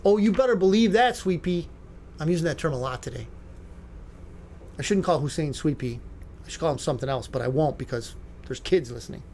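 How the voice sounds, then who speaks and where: A man's voice: on the high side, lively intonation, brisk, pauses often, a little mellow, a little hiss or hum. A man hosting a talk show, giving opinionated commentary with sarcastic, mocking asides and rambling restarts. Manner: rambling, with many fillers and restarts.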